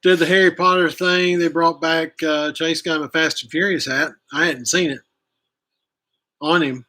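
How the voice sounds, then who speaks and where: Outdoors in the chilly air, a man hosts a casual live channel, speaking to a camera he has set up and angled himself. His voice is fairly high, bright and forceful, with fairly even intonation and a moderate pace. He chats in a friendly, rambling way, trailing off and going back to correct himself.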